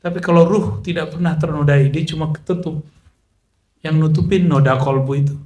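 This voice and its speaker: A man's voice: fairly high pitch, fairly even intonation, moderate pace, darkish tone, roomy sound. A man preaching a casual religious lecture, joking with listeners, mixing in recited Arabic. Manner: chatty, joking asides, Arabic recitation mixed in. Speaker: Islamic preacher.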